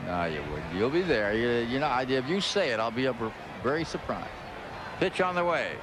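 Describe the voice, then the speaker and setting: Very animated and at a moderate pace, this American man's mid-range voice delivers folksy, chatty baseball play-by-play on the radio, punctuated by clipped calls. He's in a ballpark booth, and the broadcast is noisy, with a loud crowd and stadium sounds all around.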